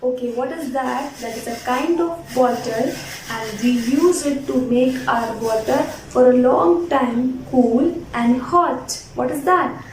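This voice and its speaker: A woman gives a children's phonics lesson in a high voice at a very unhurried pace. She sounds words out carefully and prompts repetition. The recording is echoey and a little distant from the mic. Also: darkish tone. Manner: deliberate spelled-out enunciation, sounding words out for repetition. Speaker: phonics teacher. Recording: roomy echo, distant mic, faint noise.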